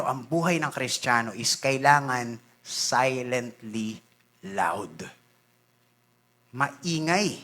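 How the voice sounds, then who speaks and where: A male pastor from the Philippines preaching a sermon in an animated way, switching between Tagalog and English and acting out church members. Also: fairly high pitch. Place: church sanctuary.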